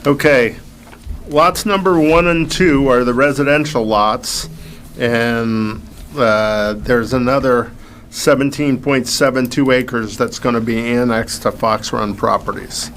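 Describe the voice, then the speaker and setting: A man giving an unscripted, halting explanation as an applicant at a public hearing. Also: medium pitch, fairly bright tone. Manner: halting, searching for words. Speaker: applicant presenting a land plan. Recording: faint meeting room noise.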